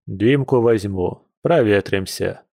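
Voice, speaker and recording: A man voicing a relaxed, grumbling bear-shifter man. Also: lowish voice, slow, creaky, no room sound, clean studio sound, full character voice. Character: easygoing grown grandson, bear-shifter man.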